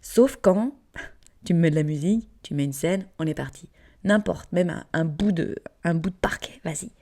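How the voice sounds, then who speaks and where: A woman's voice: on the low side, normal speed, dark tone. A woman with a Southern French accent, teaching in a casual, chatty way with playful asides and frequent fillers, sometimes dropping to a whisper. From France. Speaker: yoga teacher and podcast host.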